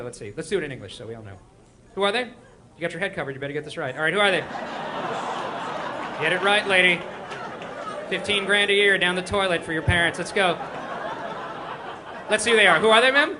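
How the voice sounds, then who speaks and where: A young man from Israel performing a stand-up set with quick, animated crowd work and mock voices, on a live stage. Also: sits high. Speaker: stand-up comedian. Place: live comedy stage before an audience. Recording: live room with faint crowd noise.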